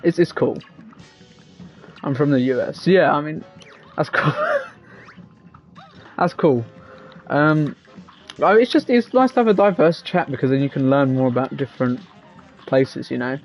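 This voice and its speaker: A man's voice: fairly high pitch, lively intonation, measured pace, pauses often. A man, live-streaming a game and chatting casually, rambling as he reads out chat messages. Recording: slightly dull lo-fi mic with faint game music.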